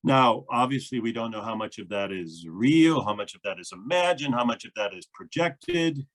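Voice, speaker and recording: A man's voice: mid-range voice, lively intonation, normal speed. A man, a minister, interviewing a guest in an earnest, thoughtful way with frequent fillers. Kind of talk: reflective conversation.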